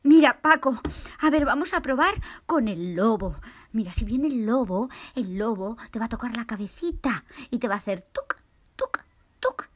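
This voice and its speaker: A woman's voice: a little high, expressive, normal speed. A woman doing a fussing mother possum. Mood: coaxing. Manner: fussing, coaxing. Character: worried, strict mother possum.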